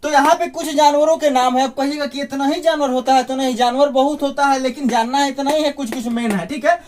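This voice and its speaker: A man's voice: extremely high pitch, steady tone, a little fast, darkish tone. A man giving an informal spoken lesson, chatty, with joking asides and questions put to the listener. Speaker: teacher.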